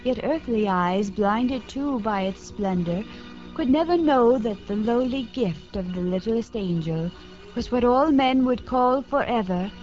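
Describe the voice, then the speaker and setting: A woman reading a children's story aloud in a gentle, expressive way as host of a radio program, heard from an old broadcast disc recording. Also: fairly high pitch, a little slow. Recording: dull lo-fi 1950s radio transcription with music.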